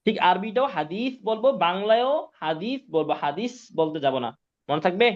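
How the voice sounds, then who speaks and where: A man's voice: sits high, expressive, brisk. A male Quran teacher, giving a live online pronunciation lesson, patient and repetitive, often checking whether students follow. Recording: dull lo-fi sound.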